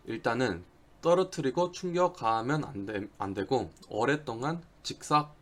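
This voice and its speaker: A man speaks at a medium pitch as an instructor presenting a lesson. He is not a native speaker of Korean. His delivery is halting, and he now and then slips on a word and says it again. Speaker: diving instructor giving a lecture.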